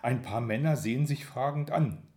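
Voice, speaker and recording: A man narrating a first-person story in a measured, expressive reading. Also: medium pitch. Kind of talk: audiobook narration.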